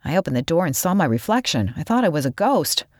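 A woman's voice: sits low, very animated, fast, a little mellow, dry recording, studio quality. A woman reading aloud, voicing a nervous, easily frightened boy who wants to leave. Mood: anxious. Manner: anxious, pleading.

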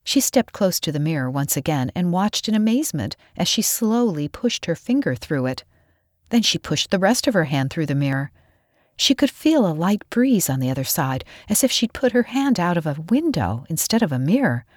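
A woman narrating a children's story in a measured, expressive way. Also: lowish voice, no echo, studio quality.

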